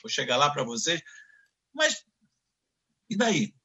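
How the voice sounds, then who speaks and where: This fifty-something guest from Rio, with a Carioca Portuguese accent, talks through his career at a slow pace in a voice on the high side. He is animated, bringing his anecdotes to life by acting out the characters' voices.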